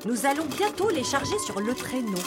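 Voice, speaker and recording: A woman doing a bustling, squeaky elf. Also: sing-song, over loud music. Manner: hurried, exclamatory. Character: busy bustling little Christmas elf.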